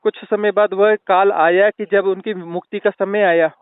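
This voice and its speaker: A man explains spiritual ideas slowly, stopping and restarting as he tells a story. His voice is high and smooth. The sound is dry and thin, like a phone line. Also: steady tone, no room sound. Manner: slow, explanatory, with restarts and fillers. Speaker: spiritual teacher, guest.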